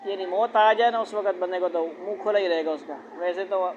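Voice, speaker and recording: High-voiced male Quran teacher. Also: fairly even intonation. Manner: asks rhetorical questions and repeats letter sounds aloud. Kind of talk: classroom lesson on letter pronunciation. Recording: dull lo-fi with faint noise.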